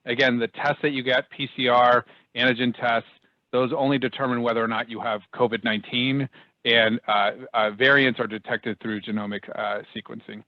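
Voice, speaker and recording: Man, mid-pitch, halting explainer with lots of restarts, dry muffled call audio. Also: level tone, no room sound. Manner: halting, many restarts and fillers. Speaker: public health speaker. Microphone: video call.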